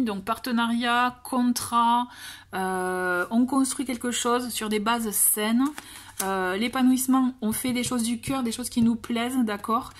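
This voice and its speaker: A woman giving a casual oracle card reading to her viewers, gentle and encouraging, with many fillers and restarts. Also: on the high side. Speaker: tarot and oracle card reader.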